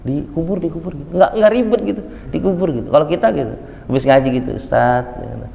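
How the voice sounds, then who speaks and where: A man preaching a mosque sermon, telling lively stories and acting out the people he quotes. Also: a little high, rapid-fire, gravelly, muffled recording. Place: mosque hall. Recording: reverberant mosque hall, faint background noise.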